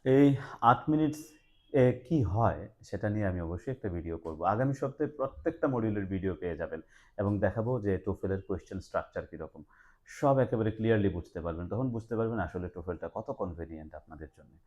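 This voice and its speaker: A man with a Bangladeshi Bengali accent hosts a promotional interview for a language institute as its TOEFL instructor. His voice sits fairly low, with a dark, mellow tone. He moves easily between Bengali and English and fills gaps with "ah". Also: a little fast, highs cut off. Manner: talks in a relaxed mix of Bengali and English, with frequent "ah" fillers.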